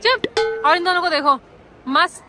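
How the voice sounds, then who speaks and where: Very high-voiced chatty woman. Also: normal speed, over music. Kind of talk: casual chat.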